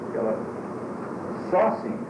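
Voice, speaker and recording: A man, a teacher giving a classroom lecture to school directors on an old VHS tape recording, teasing the class with rhetorical questions. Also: measured pace. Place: lecture room with an audience. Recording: noisy old VHS tape, echoey room, speaker far from the mic.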